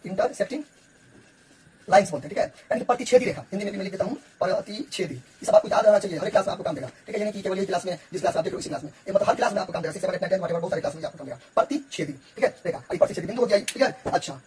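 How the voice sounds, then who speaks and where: Male math tutor, high voice, rapid board explanation, faint room noise. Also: lively intonation. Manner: quick, repetitive, checks in with the listener often. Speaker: math teacher.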